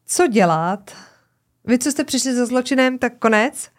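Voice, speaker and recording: A woman's voice: fairly high pitch, lively intonation. Chatty woman reading tips aloud. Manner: chatty, reads aloud with asides and filler words. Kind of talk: casual chat, reading tips aloud from a website.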